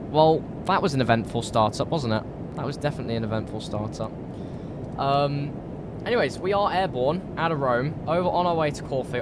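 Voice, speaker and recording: Croaky British man live streaming over rumble. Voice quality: slightly croaky. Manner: chatty, informal, thinking aloud. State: recovering from a cold. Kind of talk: casual live stream chat while flight simming.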